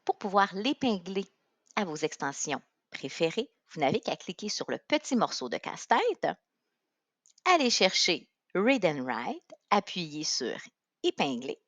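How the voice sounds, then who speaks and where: A woman with a Quebec French accent narrating a step-by-step software tutorial in an instructional way. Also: lowish voice, big pitch swings, a little slow, dry recording. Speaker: tutorial presenter.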